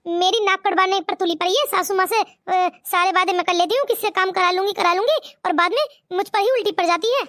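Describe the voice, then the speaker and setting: A woman's voice: very high voice, fairly bright tone, dry recording, clean studio sound. A woman voicing a bossy elder sister-in-law in a cartoon, scolding and grumbling.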